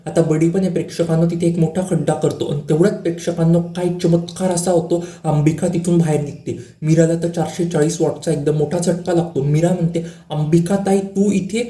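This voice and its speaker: A man's voice: fairly high pitch, flat delivery, brisk, few pauses, dark tone. A man casually recapping the latest episode of a TV serial, often turning to address the viewers and repeating stock words. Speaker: TV serial update narrator. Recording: roomy echo.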